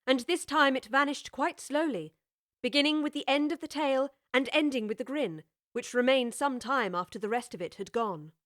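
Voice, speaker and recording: A woman reads a storybook aloud in an even, measured way, clearly recorded on a studio mic. Her voice sits fairly high, and the sound is dry and close. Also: dry recording. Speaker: narrator. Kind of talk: storybook narration.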